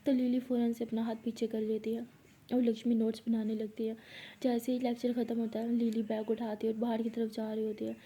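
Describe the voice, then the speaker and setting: A woman narrating a love story in an even, plain storybook manner. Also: on the high side, brisk, slightly rough.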